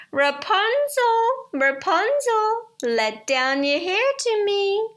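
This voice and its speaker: A woman narrating a bedtime fairy tale, deliberately, in short phrases with pauses. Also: medium pitch. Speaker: storyteller. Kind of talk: bedtime story narration, simple and unhurried.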